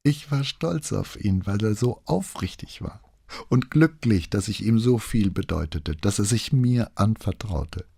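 A man's voice: fairly low pitch, lively intonation, unhurried, gravelly, warm tone, breathy edge, no echo, clean studio sound, voice pushed up, heavily acted. A man voicing a proud, agitated married woman who confesses in a pressed, indignant tone. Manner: pressed, indignant, self-righteous.

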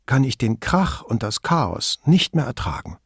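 A brisk, teasing Neapolitan policewoman, as a male audiobook reader puts her on. Her voice sits higher and swings widely in pitch. The recording is close and dry. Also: very animated, vocal fry, husky, no room sound, heavily acted. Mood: enthusiastic. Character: lively Neapolitan woman police officer, curious. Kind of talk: audiobook dialogue.

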